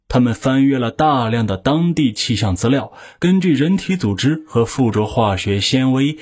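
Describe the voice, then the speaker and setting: A man reading scripted true crime narration in a measured, factual way, as a storyteller of criminal cases. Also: mid-range voice, a little mellow, husky.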